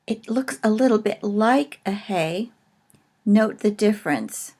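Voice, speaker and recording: A woman teaches in a recorded video lesson, taking her time over each point. Her pace is slow and measured, with pauses as she explains. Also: medium pitch, lively intonation, a little mellow.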